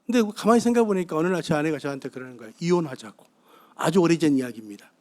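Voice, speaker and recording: Middle-aged male preacher with a high, lively voice, talking with and questioning a congregation. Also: very fast. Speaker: guest pastor. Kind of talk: sermon on marriage. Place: church sanctuary.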